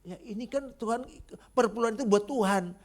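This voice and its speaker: A man's voice: extremely high pitch, brisk. Man, middle-aged, preacher, storytelling sermon, fervent prayer. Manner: storytelling, acting out dialogue, laughing at own stories.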